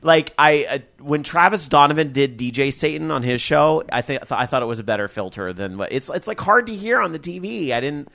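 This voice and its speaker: A man's voice: on the high side, animated, a little fast, gravelly, few pauses, fairly bright tone. Opinionated man hosting a gaming podcast. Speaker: podcast host. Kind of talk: casual chat.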